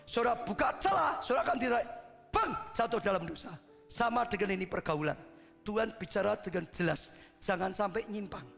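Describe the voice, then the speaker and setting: Man, pastor, high voice, impassioned sermon, long reverb of a church hall, soft music behind. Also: gravelly. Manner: impassioned preaching, swinging from loud peaks to hushed asides.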